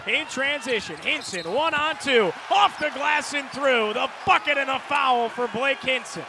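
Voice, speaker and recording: Courtside in a big indoor arena, an American man calls a basketball game live on radio in clipped, energetic phrases, his very high voice unhurried. He builds to excited calls on big plays, with loud arena noise and a bouncing ball behind the broadcast.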